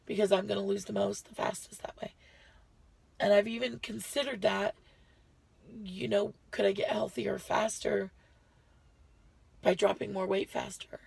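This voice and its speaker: A woman talks to her viewers in a loose, chatty way, circling back and correcting herself as she goes. Her voice is heavily gravelly and husky, with a slight shortness of breath. The sound is close and dry. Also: medium pitch, steady tone, a little slow, pauses often, darkish tone, no room sound. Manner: chatty, rambling, self-correcting. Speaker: lifestyle vlogger. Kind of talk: casual health update to viewers.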